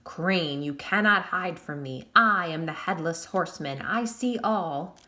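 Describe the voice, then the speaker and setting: Woman doing a moaning ghostly horseman voice. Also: pushed and bright. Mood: menacing.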